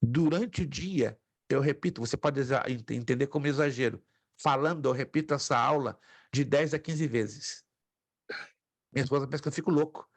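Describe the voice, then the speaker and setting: A man's voice: mid-range voice, normal speed, dry recording. A man teaching a Greek class from his home office, patiently repeating each pronunciation and joking lightly with students. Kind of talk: online lecture.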